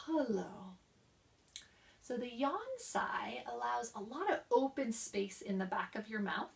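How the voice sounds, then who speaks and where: A woman's voice: fairly high pitch, gravelly, far from the mic. A young woman explaining voice therapy exercises and demonstrating them herself. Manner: demonstrates exercises with coughs, sighs and slow linked speech. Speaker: voice instructor.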